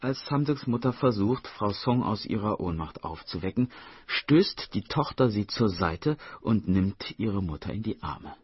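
A man narrating a documentary in an expressive, scripted storytelling delivery. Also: lowish voice, measured pace, breathy edge, no echo. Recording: dull, dry studio voice-over.

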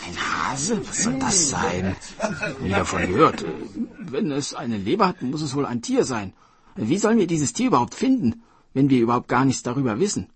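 A man voicing puzzled, hesitant court officials who mutter quickly among themselves. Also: medium pitch, sing-song, a loud crowd, voice pushed up, natural voice. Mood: baffled.

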